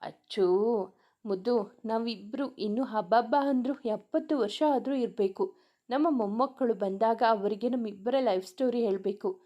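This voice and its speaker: A woman voicing a loving young husband who coaxes his wife with soft endearments. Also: a little high, moderate pace, highs cut off, close to an everyday voice. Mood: tender.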